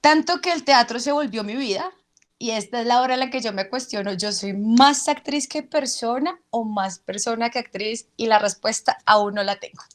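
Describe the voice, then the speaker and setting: A woman with a fairly high voice, an actress and drama teacher, takes interview questions at a moderate pace. She's lively, acting out her explanations vocally to show what she means.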